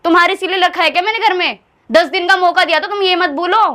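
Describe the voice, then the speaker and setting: A woman with a very high, piercing voice scolds her housemates at a quick clip. She is sarcastic and mocking, throwing their own words back at them in a household argument skit. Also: pushed and bright.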